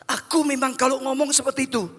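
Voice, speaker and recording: Loud, defensive market-raised husband, as a male preacher puts him on, bright and pushed, echoing hall. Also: extremely high pitch, level tone, fast, slightly rough, voice pushed up, full character voice. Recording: long hall reverb, faint music.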